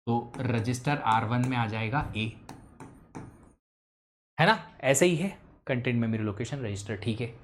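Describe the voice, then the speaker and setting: एक पुरुष शिक्षक लाइव ऑनलाइन कक्षा में पढ़ा रहा है, छात्रों से बार-बार सवाल पूछता है और हिंदी में अंग्रेज़ी मिलाकर बोलता है।. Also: male voice, medium pitch. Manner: quizzes students, mixes English into Hindi. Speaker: teacher. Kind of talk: live online lecture.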